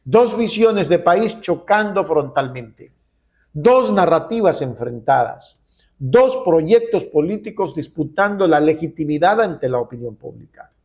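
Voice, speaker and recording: A man hosts a political news editorial, his voice sitting a little higher than most men's. He stacks his points in emphatic, repeated rhetorical phrases. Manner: rhetorical, building emphatic repetition.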